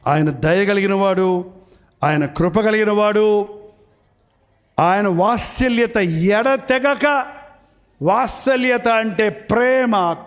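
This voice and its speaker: A man preaching a sermon as a pastor, emphatic and repetitive, with many rhetorical questions, drawing some phrases out slowly and rushing others. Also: high-pitched. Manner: shifts between slow drawn-out stress and fast bursts.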